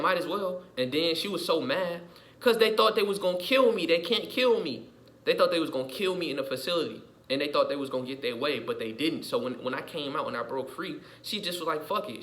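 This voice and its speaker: A man's voice: on the high side, animated, fast, fairly bright tone, poor audio. A man giving an emphatic, repetitive vlog monologue, swearing often and circling back over his points. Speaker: vlogger. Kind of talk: casual monologue rant.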